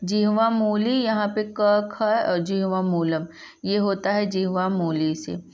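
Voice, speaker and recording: A woman gives a lesson at an unhurried pace, sounding out each letter in turn and going back over it. Her voice sits at a middle pitch. The recording is a little dull and lo-fi. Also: steady tone. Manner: slow, repeats and spells out sounds one by one. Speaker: Sanskrit teacher. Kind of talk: classroom lesson.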